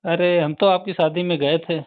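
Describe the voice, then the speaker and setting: A young man chats casually as a private tutor over the phone, his high voice steady at normal speed. The recording is dry and slightly tinny, with no echo.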